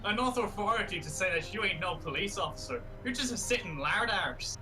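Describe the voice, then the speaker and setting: Foul-mouthed homeless brawler, bouncy high voice, music behind; a man plays him. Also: lively intonation, a little fast, sharp tone, heavily acted. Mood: contemptuous. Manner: swearing, confrontational.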